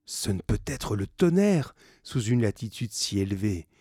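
A man's voice: on the low side, very animated, a little slow, warm tone, slightly rough, no room sound, studio quality, full character voice. A man reading as a worried ship captain. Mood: doubtful. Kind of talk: French audiobook reading.

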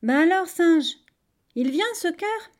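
A woman's voice: high-pitched, expressive, unhurried, darkish tone, voice pushed up. A woman doing a sly grinning crocodile. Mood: coaxing. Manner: sugary, overly friendly, sheepish. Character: sly hungry male crocodile, falsely friendly.

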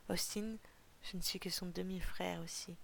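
A woman reading out a kind young peacemaker in a storybook, calm and steady. His voice is low and gravelly. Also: moderate pace, a little hiss or hum. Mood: warm.

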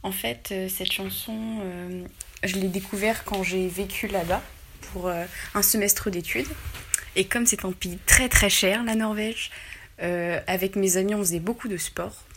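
Young female caller heard over the air, mid-pitched, halting and filler-heavy. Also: fairly even intonation, a bit bright, slight background noise. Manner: hesitant, many fillers. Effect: listener's call played on air. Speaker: radio show caller. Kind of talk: personal anecdote about a song.

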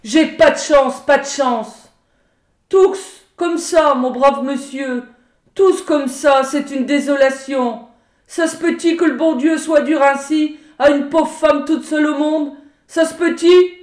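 Une mère paysanne hargneuse, incarnée par une femme, qui geint d'une voix de fausset puis hurle. La voix est haute, l'élocution lente, et l'enregistrement sonne creux, avec beaucoup de réverbération. Le ton reste celui d'une lecture de livre audio dramatique. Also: female voice, takes it slowly. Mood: whining. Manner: whining falsetto turning to shouting. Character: harsh, sly peasant mother, bitter and furious. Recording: roomy echo.

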